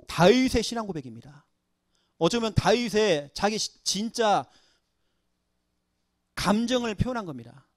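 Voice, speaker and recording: A man's voice: sits high, expressive, measured pace, long pauses, no echo, clean studio sound. A middle-aged male pastor giving an emotional sermon, pleading and crying out in prayer. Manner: emotional, pleading, rising to loud cries.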